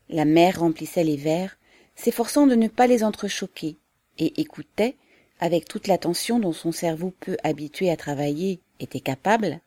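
A woman narrating a novel as an audiobook reader, in a calm, even and measured way. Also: fairly low pitch, no room sound.

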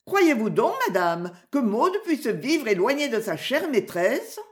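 A woman reading aloud voices Maud, a young, lively chambermaid who pleads in a high, animated voice. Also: a little slow. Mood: cheerful.

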